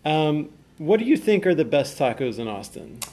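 A podcast host who opens the show and leads a casual chat, easygoing and quick to laugh. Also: medium pitch, sing-song, mellow, breathy edge. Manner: loose, laughing banter.

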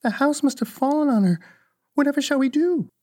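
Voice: brisk, dark tone, lightly acted. A reader doing an earnest, wide-eyed little girl. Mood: earnest, wondering. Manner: high, wondering, anxious.

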